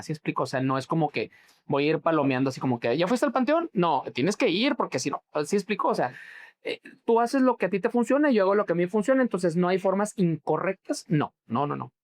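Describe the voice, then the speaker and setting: A man's voice: high-pitched, expressive, fast. Mexican man explaining grief therapy. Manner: explanatory, checks understanding often. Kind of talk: interview answers.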